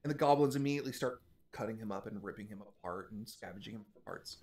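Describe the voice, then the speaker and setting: A man's voice: lowish voice, fast, a little mellow, slight background noise. A man narrating a tabletop fantasy game as game master, informal and improvising, often repeating phrases.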